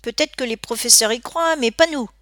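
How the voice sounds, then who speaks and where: A woman's voice: a little high, a little fast, fairly bright tone, dry recording, studio quality, pitched above the performer's own voice, close to an everyday voice. A woman voicing a mocking, aggressive teenage boy bully in an audiobook. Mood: menaçant. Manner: taunting, aggressive.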